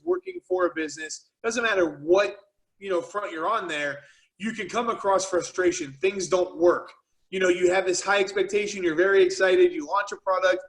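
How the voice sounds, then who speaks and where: A man who founded a business, speaking as a guest on a video call with energetic, casual motivational talk full of "you know" and "right". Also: high voice, rough recording.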